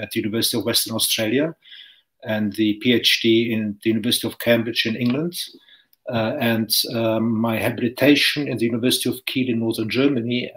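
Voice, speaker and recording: A middle-aged physics professor from Czechoslovakia, answering interview questions in a measured, hesitant, explanatory way. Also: male voice, mid-range voice, a bit bright, poor audio.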